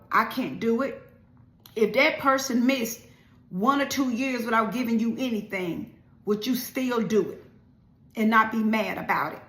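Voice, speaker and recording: Woman preacher, earnest, keeps questioning, slightly high voice, roomy echo. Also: fairly bright tone. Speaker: minister. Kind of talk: devotional sermon.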